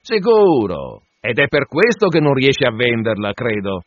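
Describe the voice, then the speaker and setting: A man's voice: mid-range voice, very animated, normal speed, no room sound. Man doing a sly mocking innkeeper. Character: teasing middle-aged male innkeeper, sly and mocking. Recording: dull lo-fi dry recording.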